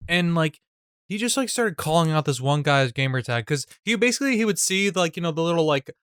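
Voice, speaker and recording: A man's voice: a little high, lively intonation, a little fast, fairly bright tone, clean tone, no echo, clean studio sound. A young man co-hosting a comedy podcast, telling stories in casual chat with lots of fillers and restarts. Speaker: podcast co-host.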